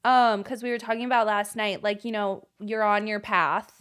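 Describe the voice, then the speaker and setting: Smooth-voiced young woman co-hosting a podcast. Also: medium pitch, normal speed. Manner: chatty, laughs often, animated when retelling. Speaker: podcast co-host. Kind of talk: casual chat.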